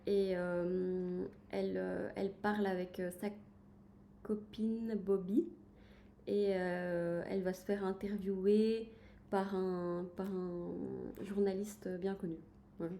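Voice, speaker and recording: A woman's voice: medium pitch, flat delivery, slow, mellow, a little hiss or hum. A woman chatting in a casual book-review livestream, enthusiastic and full of hesitations as she recommends books. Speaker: book streamer.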